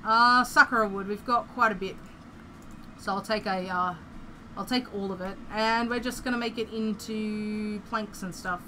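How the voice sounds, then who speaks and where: A woman's voice: medium pitch, steady tone, moderate pace, background noise. A young Australian woman chatting casually and playfully as she streams a building game, rambling through her thoughts.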